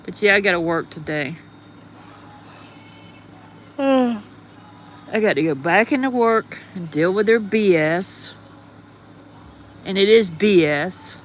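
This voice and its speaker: A woman's voice: mid-range voice, lively intonation, slow pace, long pauses, a little hiss or hum. A woman hosting a livestream with a groggy morning voice, rambling casually and greeting her viewers. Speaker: livestream host.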